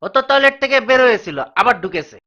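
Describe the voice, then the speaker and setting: A man's voice: very high voice, animated, fast, sharp tone, highs cut off, full character voice. A man playing a grumbling poor servant. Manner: scolding and nagging in dialect. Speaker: servant of the household.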